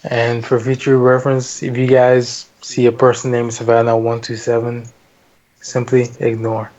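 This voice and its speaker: A man's voice: mid-range voice, completely flat delivery, normal speed, a little mellow. A man chatting casually about gaming. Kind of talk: casual chat. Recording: dull lo-fi voice chat audio.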